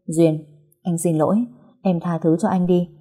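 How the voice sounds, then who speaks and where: A woman's voice: on the low side, fairly even intonation, unhurried, warm tone. A woman voicing a young man, an unstable ex-husband who begs and then threatens. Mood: pleading. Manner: threatening, rough-spoken.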